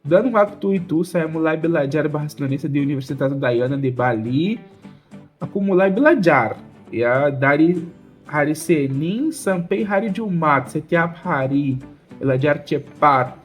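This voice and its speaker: A man's voice: a little high, animated, moderate pace, soft background music. A young man from Brazil with a Brazilian Portuguese accent tells a casual story as a vlog host, speaking as a foreigner in a learned second language with simple, repetitive phrasing. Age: young adult.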